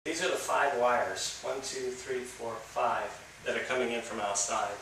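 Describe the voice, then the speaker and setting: A middle-aged man with a mid-range voice walks through wiring a solar setup step by step, explaining plainly and calmly at a measured pace as he works. He is a DIY instructor, first outdoors beside a house and then in an indoor workshop. The camera audio is slightly distant, with a noisy background and faint ambience.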